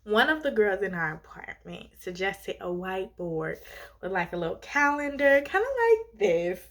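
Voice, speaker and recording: A young adult woman with a medium-pitched voice talks casually to her viewers as a vlogger. She tells a personal story in a chatty, gossipy storytime manner, full of asides and emphatic swings. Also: lively intonation, moderate pace, fairly bright tone.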